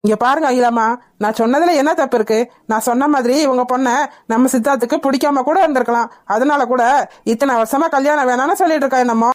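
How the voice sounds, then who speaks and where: A woman's voice: high voice, quick pace, natural voice. A woman voicing a teasing meddler in a cartoon. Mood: mocking. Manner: provoking, mocking.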